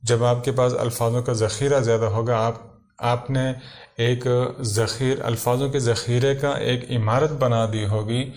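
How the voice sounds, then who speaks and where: Man, English teacher, vocabulary lesson, slow repetition, mid pitch. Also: steady tone, darkish tone. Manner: slow, repeats each English word then gives its meaning.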